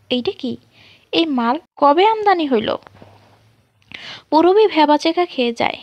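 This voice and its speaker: A woman narrating a romantic audio story in a steady, brisk way. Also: high-pitched, creaky, no echo.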